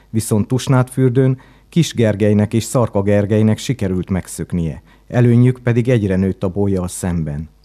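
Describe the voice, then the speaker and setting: Low mellow male news narrator.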